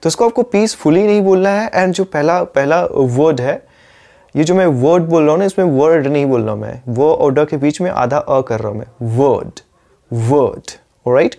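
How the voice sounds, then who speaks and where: A man with an Indian English accent and a slightly high voice gives a YouTube pronunciation lesson. He is patient and repeats each word slowly. He keeps asking the viewer whether they are following along. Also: vocal fry, warm tone. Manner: checks in often with rhetorical questions. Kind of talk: YouTube lesson, explaining in Hindi.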